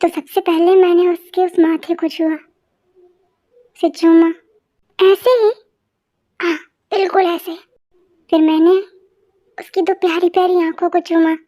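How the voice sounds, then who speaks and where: A patient young husband with a soft, coaxing way of talking, as a woman puts him on in a homemade fan dub. The voice stays very high for a man, and it is kept low and gentle. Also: level tone, takes it slowly, pauses often. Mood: tender teasing. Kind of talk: amateur Hindi fan dub.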